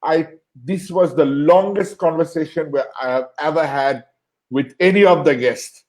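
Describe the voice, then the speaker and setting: A man from Bangladesh hosting an interview show, thanking his guest in a halting way, with many fillers and repeated words. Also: on the high side, darkish tone. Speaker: host. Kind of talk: closing an online interview show.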